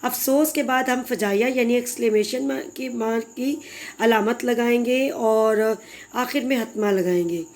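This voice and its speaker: Female teacher, fairly high-pitched, warm and patient, explaining a lesson to children. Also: measured pace. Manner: patient, explanatory, addresses pupils fondly. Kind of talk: recorded grammar lesson for children.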